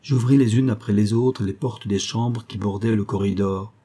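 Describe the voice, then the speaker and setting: A man reading a literary travel story as an audiobook narrator, in a measured storytelling manner. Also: on the low side, steady tone, mellow, husky.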